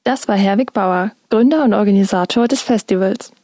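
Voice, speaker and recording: A young woman student reporter reading a scripted radio feature in a clear, measured way. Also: medium pitch, warm tone, dry recording, clean studio sound. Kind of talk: scripted narration.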